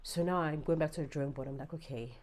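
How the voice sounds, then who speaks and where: Young South African woman, South African accent, low voice, animated storytime vlogger who swears and flares up. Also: fast talker. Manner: animated, swears freely, swings from low asides to loud outbursts. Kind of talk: storytime vlog. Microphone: small handheld gimbal camera.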